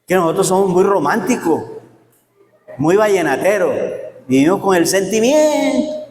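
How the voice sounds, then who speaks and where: A pastor preaches to his congregation in a folksy, joking way, often asking them to answer back. His voice sits high for a man. The church hall around him rings with a long, roomy echo. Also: lively intonation, moderate pace, a little mellow, slight background noise. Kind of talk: Sunday school sermon. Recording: echoey church hall reverb.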